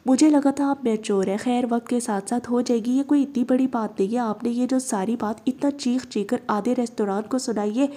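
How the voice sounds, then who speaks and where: Calm earnest young man read by a woman, gentle steady talk, mellow voice. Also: fairly high pitch, a little fast, few pauses, close to an everyday voice.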